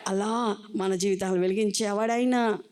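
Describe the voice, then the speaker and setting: A woman pastor preaching a sermon with a Telugu Andhra accent, rising often into fervent, high-pitched exhortation. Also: steady tone, moderate pace, darkish tone.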